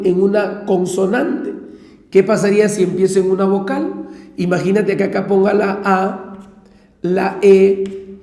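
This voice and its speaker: A Peruvian man teaches a math lesson at an unhurried, deliberate pace, walking through each step and checking that his listeners follow. His voice rings out in an echoey room with a long, lingering reverb. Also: high-pitched, mellow. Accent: Peruvian Spanish. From Peru. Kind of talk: exam-prep lecture.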